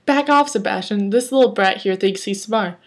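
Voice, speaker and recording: A woman's voice: mid-range voice, moderate pace, close to an everyday voice. A woman reading aloud, voicing a cocky, taunting boy bully in a fanfic reading. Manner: sneering, taunting.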